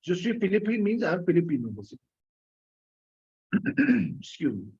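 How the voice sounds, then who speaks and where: A man's voice: high-pitched, big pitch swings, normal speed, a little mellow, husky, highs cut off. A man teaching an online French class, patiently coaxing students for answers, with many fillers and coughs. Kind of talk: live online class lecture.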